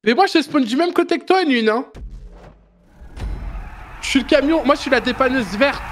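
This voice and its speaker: A man gaming with a friend, chatting excitedly with rapid, playful exclamations. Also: extremely high pitch. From France. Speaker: gamer.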